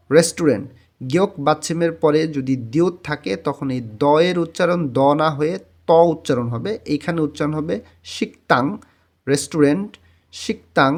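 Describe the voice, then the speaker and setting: Guy teaching words, says each one twice slow, kinda high voice. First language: Bengali. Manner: repeats each word twice, slow and drawn out. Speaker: Korean language teacher. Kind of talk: textbook vocabulary lesson.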